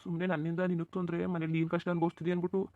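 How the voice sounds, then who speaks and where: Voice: mid-range voice, monotone, rapid-fire, dark tone, dry recording, muffled recording, lightly acted. A voice actor playing a devoted young village man in a cartoon, reassuring his sweetheart in a rural Kannada accent. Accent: rural Karnataka Kannada. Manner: soothing, insistent reassurance. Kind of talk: cartoon voice acting.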